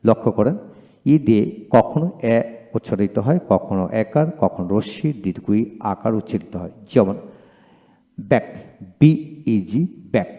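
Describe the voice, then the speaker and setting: A man teaching an English pronunciation lesson. He repeats each word twice, slowly and with emphasis. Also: lowish voice, expressive, warm tone, long reverb tail.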